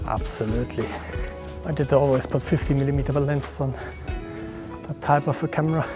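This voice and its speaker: A man's voice: medium pitch, brisk, music in the background. A man vlogging outdoors on a mountain trail through a small action camera, chatting casually and thinking aloud with little laughs. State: out of breath. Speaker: photography vlogger. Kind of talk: casual vlog narration while hiking.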